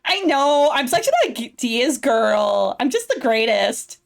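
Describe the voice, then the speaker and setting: A woman's voice: on the high side, big pitch swings, moderate pace. A woman voicing a bubbly young Valley Girl assistant, ditzy and gushing with lots of "like". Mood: eager. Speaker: player character Asha.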